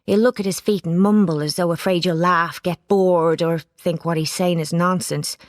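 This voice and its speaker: A woman reading a children's storybook aloud, giving it lively expression. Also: on the low side, moderate pace, dry recording. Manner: lively character voices, plain narration. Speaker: audiobook reader. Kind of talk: storybook narration.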